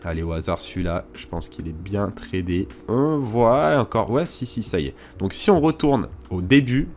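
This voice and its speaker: Guy with a lowish voice walking through a screen tutorial, laid back, bit of faint noise behind. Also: animated, moderate pace, darkish tone. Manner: casual, explanatory, with hesitations and asides. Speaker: crypto tutorial host. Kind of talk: screen-recorded tutorial walkthrough.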